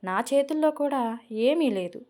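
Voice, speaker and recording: A woman reading a calm head of the family in a storybook drama, speaking steadily and firmly. The voice is soft-toned and a bit high. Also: normal speed. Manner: steady, firm. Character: calm, firm older man, head of family.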